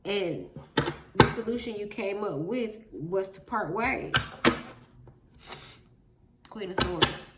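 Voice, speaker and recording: A woman's voice: medium pitch, animated, slow, pauses often, very noisy. A woman with a stuffy nose from a cold, giving an emphatic, preachy tarot reading straight to her viewers. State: congested from a cold, sniffling. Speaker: tarot reader.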